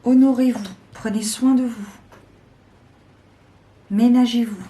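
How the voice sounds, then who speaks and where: A woman giving a slow, deliberate weekly tarot guidance, with frequent pauses and hesitations. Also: a little high, steady tone, mellow. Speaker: tarot reader.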